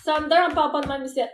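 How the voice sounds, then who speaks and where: A playful woman with a Québécois accent hosts a casual live chat, laughing easily as she talks. Her voice sits high and bright in pitch. The recording has a roomy echo around it. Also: a little hiss or hum. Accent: Québécois French. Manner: chatty and playful, laughs often. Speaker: livestream host chatting with viewers.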